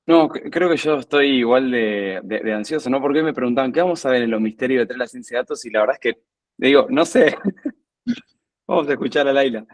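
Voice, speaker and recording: A man, co-hosting in a relaxed way and stammering a little as he opens the session. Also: medium pitch, quick pace, no room sound, far from the mic. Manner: stammering, easygoing. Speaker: co-host. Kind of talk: casual chat.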